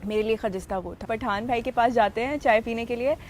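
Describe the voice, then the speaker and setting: A woman in a relaxed interview, talking about her acting work in a chatty, storytelling way. Her voice sits a little high, and she often drops English phrases into her speech. A faint hiss runs under the recording. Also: a little fast. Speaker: actress being interviewed. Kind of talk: casual interview talk.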